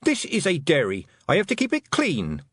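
Man voicing a firm, high-pitched young girl. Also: huge pitch swings, normal speed, fairly bright tone, slightly rough, no echo, clean studio sound, full character voice. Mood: angry. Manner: firm, earnest. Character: determined, forthright young girl.

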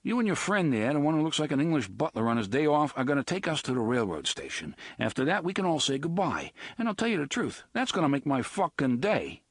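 A sarcastic, profane young gunslinger, voiced by a male narrator, blunt and cutting. The read is dry and close, with a lively, swinging delivery. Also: fairly high pitch, fast talker, hardly any pauses, slightly rough, no echo, pitched above the performer's own voice, exaggerated voice.

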